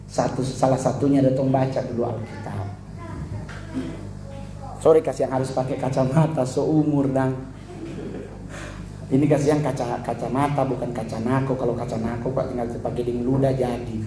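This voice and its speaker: A man's voice: mid-range voice, echoey room, noisy background. A man with a Manado accent giving a humorous sermon full of anecdotes, mimicking other people's voices as he tells stories. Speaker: preacher.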